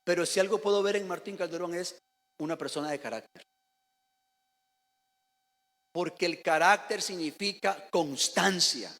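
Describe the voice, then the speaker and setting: A man's voice: sits high, moderate pace, long pauses, fairly bright tone. A male pastor from Costa Rica giving a Sunday sermon, speaking directly to the congregation and asking them to repeat after him. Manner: addresses the congregation directly with questions and calls to repeat. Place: church sanctuary. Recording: church hall reverb.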